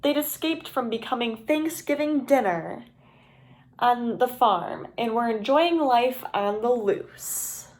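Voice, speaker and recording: Reading a picture book to young children, a female teacher uses a fairly high-pitched voice. Her storytelling delivery is expressive and carefully deliberate.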